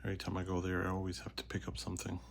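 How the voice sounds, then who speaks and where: A soft-spoken man chatting casually as he hosts an unboxing video, his voice often slipping toward a whisper. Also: low-pitched, monotone, rapid-fire, vocal fry, slight background noise.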